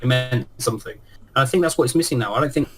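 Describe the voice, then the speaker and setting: A man's voice: mid-range voice, fast talker, fairly bright tone. A man co-hosting a casual wrestling podcast over an online call, talking in a conversational, reflective way. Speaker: podcast co-host.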